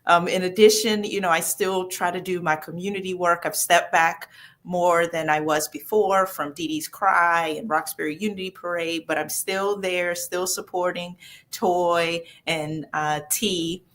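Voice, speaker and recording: A regular talk show guest who runs a nonprofit as executive director, this woman from the southern United States has a Southern US accent and chats casually, sharing personal updates. She's folksy and emphatic, repeating phrases for emphasis. Her voice is on the low side, steady in tone, a little slow, and a bit bright.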